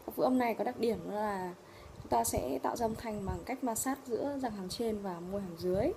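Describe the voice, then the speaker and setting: A woman with a Vietnamese accent teaching English pronunciation. She explains in Vietnamese and says each English word slowly and loudly. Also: medium pitch, creaky, background noise. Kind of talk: pronunciation lesson.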